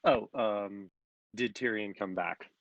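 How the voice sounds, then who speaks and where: A man's voice: fairly low pitch, slow, gravelly, a bit bright, no room sound. A man playing a tabletop game, rambling with lots of fillers in casual chat. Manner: rambling, lots of likes and ums. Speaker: player. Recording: dull lo-fi mic.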